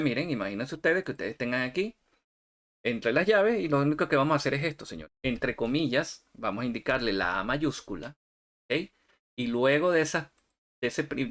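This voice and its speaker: Male tutorial instructor, mid pitch, step-by-step, keeps checking in. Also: a bit bright. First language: Spanish. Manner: talks viewers through steps, checking in with "¿ok?". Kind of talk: software tutorial screencast.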